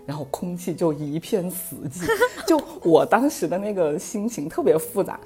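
Woman, thirties, deep voice, casual podcast chat, animated storytelling, frequent laughter. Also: normal speed. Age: 30s. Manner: lively, laughing often while telling a story. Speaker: podcast guest.

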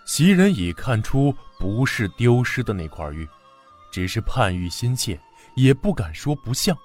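A man narrating a classic tale for children in a gentle, expressive way. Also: medium pitch, measured pace, faint music behind. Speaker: storyteller.

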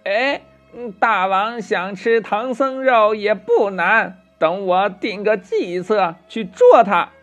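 A man's voice: high voice, lively intonation, fairly bright tone, soft background music, voice pushed up, full character voice. A man playing a sly scheming demon minion. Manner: slow, sly, drawn-out.

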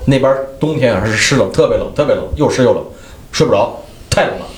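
Man, fast lively storytelling, laughs through punchlines, echoey room. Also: medium pitch, a little hiss or hum. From Henan, China. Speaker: comedian. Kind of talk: storytelling in casual podcast chat.

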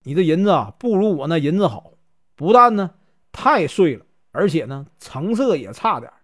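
A man's voice: fairly high pitch, very animated, normal speed. Jigong, a man doing a cheeky scruffy monk. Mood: teasing. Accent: Northeastern Mandarin. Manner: joking, cheeky, mocking. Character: scruffy, playful, teasing old monk.

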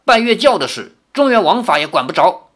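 A woman's voice: fairly low pitch, sing-song, fairly quick, a bit bright. A woman reading a storybook aloud and voicing a cold, sneering male bandit chief. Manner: cold, curt.

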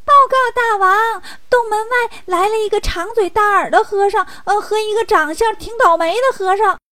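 A woman doing squeaky little demon minions. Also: a bit bright, dry recording, recorded from a distance. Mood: flustered. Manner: squeaky, hurried. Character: timid little male demon servants, squeaky and eager.

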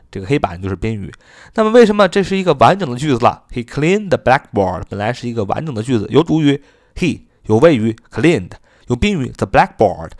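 A man's voice: medium pitch, no room sound, clean studio sound. A man teaching English grammar in Chinese, asking rhetorical questions, answering them himself and spelling out words letter by letter. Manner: slow, careful English example sentences.

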